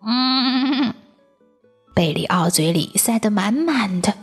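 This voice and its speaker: A woman narrating a children's picture book in a soft reading voice. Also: mid-range voice, lively intonation, faint music behind. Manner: slow, soft, breathy reading. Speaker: storyteller.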